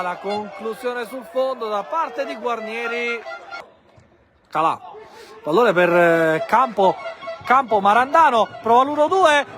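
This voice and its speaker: A man giving live, excitable football play-by-play, bursting into shouts on chances and goals. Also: very high-pitched. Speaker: football match commentator. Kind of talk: live play-by-play goal commentary. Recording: crowd and music behind commentary.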